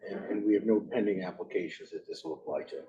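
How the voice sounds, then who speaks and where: A man briefly explaining a resolution at a board meeting in quick offhand remarks. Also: low voice, dark tone. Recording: dull muffled mic.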